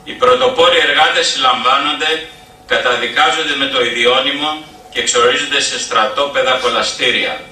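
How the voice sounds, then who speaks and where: A man reads a historical account aloud at a public event in a very bright, cutting voice. His delivery is steady and declamatory. He sounds distant from the mic in an echoey room. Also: mid-range voice, slight background noise. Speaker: event speaker. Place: event hall.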